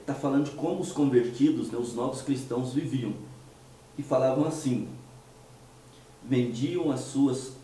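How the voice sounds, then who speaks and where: Hoarse from a cold, a Mineiro man from Minas Gerais, Brazil, delivers casual monologue commentary as a show's host, in a Brazilian Portuguese accent. He keeps a relaxed, unhurried pace, his medium-pitched voice dark and mellow, punctuated by rhetorical questions and hesitant restarts. He's recorded from a distance in a very echoey space, with faint noise below.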